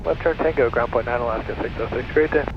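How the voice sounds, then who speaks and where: A man, an airline pilot over the radio, giving brisk, terse readbacks to air traffic control. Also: medium pitch. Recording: muffled lo-fi aviation radio with faint static.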